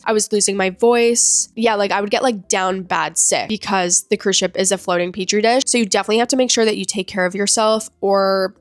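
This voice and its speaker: A woman's voice: a little high, no echo. Young woman, 20s, stuffy nose, casual vlog chat, candid, lots of "like" fillers, close dry mic. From United States. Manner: chatty and candid, with frequent "like" fillers. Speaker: vlogger and musical theatre performer.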